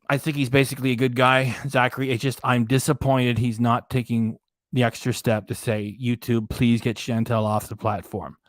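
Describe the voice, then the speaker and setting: His voice is mid-range and giving out as this reaction channel host reads chat live, ranting in indignation and repeating himself. The audio has studio quality with no room sound. He talks into a desk mic hidden behind an on-screen graphic.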